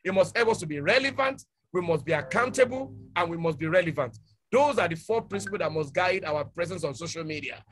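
A man's voice: sits high, lively intonation, fairly quick, few pauses, a bit bright. A man, speaking emphatically on an online panel and repeating his key points. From Nigeria.

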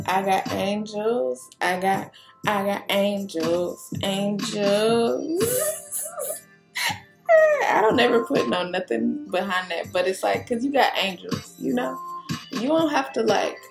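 A woman giving a casual tarot reading straight to the viewer, rambling, laughing and swearing as she goes. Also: medium pitch. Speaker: tarot reader. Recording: roomy echo with clear music behind.

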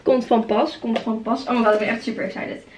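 A young woman chatting casually in a vlog from her bedroom, gushing and excited, talking to a handheld camera. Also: on the high side, a little fast, noisy background. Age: young adult. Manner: excitable, gushing, exclaims often. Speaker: vlogger. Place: bedroom at home. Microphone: handheld camera at arm's length.

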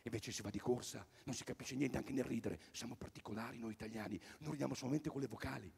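A man doing a rambling stand-up comedy routine at a live concert, swinging between loud bursts and mutters. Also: mid-range voice, fast, creaky, breathy edge, in a large hall. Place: outdoor tennis courts at a live event.

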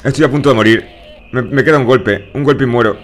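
A man's voice: mid-range voice, brisk. Jumpy swearing man with a Spain accent. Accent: Spain Spanish. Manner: jumpy, swears a lot, talks to himself. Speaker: gaming streamer. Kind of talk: horror game let's play commentary.

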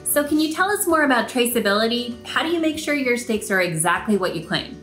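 A woman's voice: fairly high pitch, expressive, brisk. A young woman hosts a business show and reads her introductions and questions in a polished, upbeat presenter style. Her voice sounds roomy and echoey, with light music underneath. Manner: bright scripted presenter delivery. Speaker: host. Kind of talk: broadcast interview hosting. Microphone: video call webcam.

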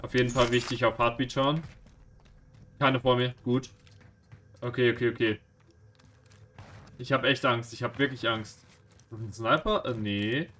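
A man giving live gameplay commentary, jumpy and anxious, swearing and mocking himself, swinging from low mutters to sudden shouts. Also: fairly even intonation, measured pace, long pauses. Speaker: gaming streamer.

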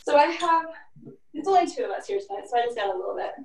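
Chatty woman, high voice, echoey kitchen. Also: lively intonation, fast talker, darkish tone, far from the mic. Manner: chatty, lots of fillers like "like" and "kinda". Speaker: cooking instructor. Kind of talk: casual cooking demonstration. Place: home kitchen in an old apartment. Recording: echoey room, voice off-mic.

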